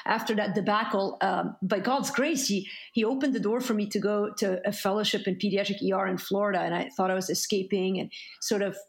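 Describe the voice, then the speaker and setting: Middle-aged woman from Lebanon, interview guest, earnest reflective storyteller, mid-pitched voice. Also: steady tone, fairly quick, creaky, few pauses. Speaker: author and guest. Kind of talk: conversational interview.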